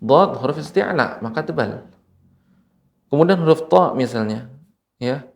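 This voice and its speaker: A man from Indonesia teaching Quran recitation rules on television, speaking slowly and patiently and repeating each example word. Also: on the high side, animated, gravelly. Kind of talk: televised tajwid lesson. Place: TV studio.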